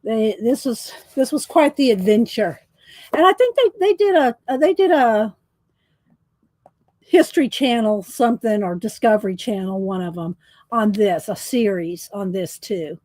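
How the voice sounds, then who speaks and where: A woman's voice: medium pitch, expressive, unhurried, darkish tone, dry recording. A woman chatting casually with viewers during a coloring live stream, rambling and restarting her sentences. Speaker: livestream host coloring.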